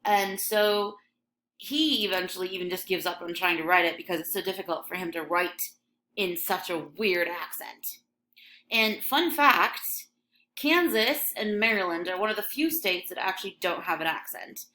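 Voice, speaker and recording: A young woman from Michigan, her accent faintly Michigan, teaches an English lesson in a relaxed, chatty style packed with ums and likes. Her voice sits on the low side with a sharp edge, moving at a normal speed. It's a recorded classroom lesson playing over scrolling text.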